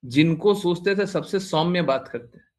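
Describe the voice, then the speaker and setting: In an informal devotional session, the man, a spiritual teacher, ribs his followers, repeats himself, and keeps asking "हैं?". He sounds animated, his voice on the high side, moving at a moderate pace.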